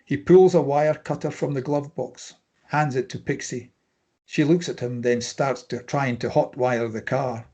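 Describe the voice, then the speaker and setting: Reading a screenplay aloud, a male narrator speaks scene headings and action lines as scripted stage directions. His husky, rough-edged voice sits at an average pitch and has a warm, steady tone, moving a little slowly.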